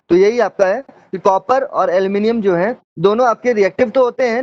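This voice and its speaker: Guy teacher with a high voice doing an online lecture, keeps asking if it's clear, muffled lo-fi audio. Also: dry recording. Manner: explains step by step with frequent check-in questions.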